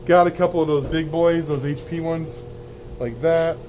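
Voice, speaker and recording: A man's voice: fairly high pitch, fairly even intonation, normal speed, a little mellow, a little hiss or hum, low-quality recording. A plain-spoken man giving a casual, off-the-cuff sales tour of stock while walking through a warehouse. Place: indoors in a cluttered warehouse, walking.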